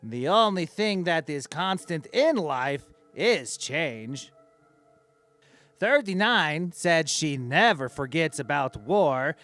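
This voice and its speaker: High, smooth-voiced vain tyrant king played by a man, oblivious and deadpan in comic fantasy audio diary. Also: no room sound, exaggerated voice. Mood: self-satisfied, musing. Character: vain, childishly oblivious male dark-lord dictator king.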